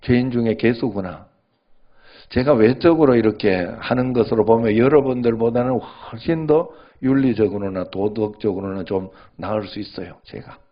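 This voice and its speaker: A man's voice: mid-range voice, normal speed, highs cut off. A male pastor giving a sermon in a conversational way, often checking in with the congregation.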